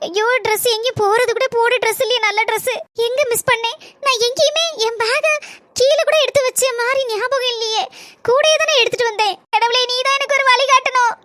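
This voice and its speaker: A woman's voice: extremely high pitch, moderate pace, sharp tone, dry recording. A woman with a southern Tamil accent voicing an anxious young girl talking to herself in bewilderment, in a cartoon. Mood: bewildered. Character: anxious young girl, worried about her father.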